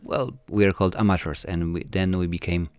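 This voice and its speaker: Speaking briskly in a low-sitting, darkish voice without echo, a Polish-accented filmmaker from Poland, in his forties, fields interview questions as a guest. His answers come haltingly, with lots of fillers and false starts.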